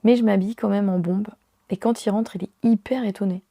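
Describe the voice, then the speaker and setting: A woman's voice: medium pitch, fairly even intonation, brisk, vocal fry, warm tone, dry recording, clean studio sound. A French woman hosting a podcast, candidly telling a personal story in a chatty way, full of fillers. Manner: candid, conversational, many fillers. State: unwell. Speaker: podcast host.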